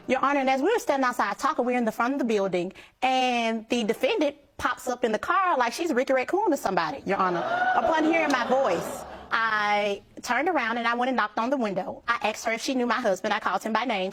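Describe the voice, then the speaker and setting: Woman on a courtroom show, sassy and emphatic witness voice, a touch high. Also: brisk, few pauses, fairly bright tone, poor audio. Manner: sassy, emphatic, keeps saying "Your Honor". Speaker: wife in a paternity case.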